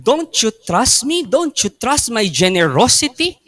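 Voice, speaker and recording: A man's voice: very high voice, very animated, a little slow, pitched above the performer's own voice, heavily acted. A man doing a pleading party host. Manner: gentle, pleading questions. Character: kind male party host pleading with his guests.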